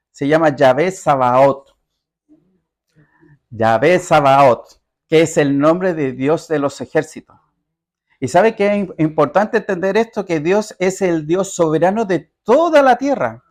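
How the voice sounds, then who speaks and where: A man preaching a conversational sermon in a church, reading scripture slowly and often checking in with the congregation. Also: high voice, darkish tone. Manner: reads scripture aloud with slow emphasis. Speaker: pastor.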